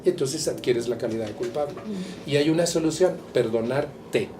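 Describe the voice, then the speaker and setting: A man's voice: mid-range voice, normal speed, noisy background. A man with a Mexican accent speaking candidly and colloquially to a support group, often turning to ask his listeners questions. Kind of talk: personal talk to a support group.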